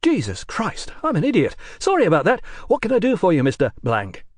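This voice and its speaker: A man voicing a brash, excitable young English writer in an audiobook, who answers with sardonic disbelief. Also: sits high, a little fast, no echo, voice pushed up, full character voice. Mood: incredulous. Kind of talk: audiobook character voice.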